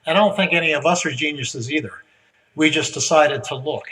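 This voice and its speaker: A man giving a relaxed, folksy conference speech, with frequent "uh" fillers. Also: on the high side, a little fast, distant mic, low-quality recording. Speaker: guest speaker. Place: conference hall.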